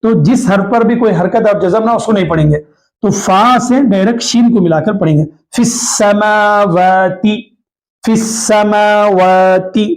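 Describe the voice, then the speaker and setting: A man with a Hyderabadi Urdu accent teaching a tajweed lesson, repeating each rule and slowly drawing out the Arabic example words. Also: sits high, creaky. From Hyderabad, India. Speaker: Quran recitation teacher. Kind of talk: tajweed lesson, explaining rules.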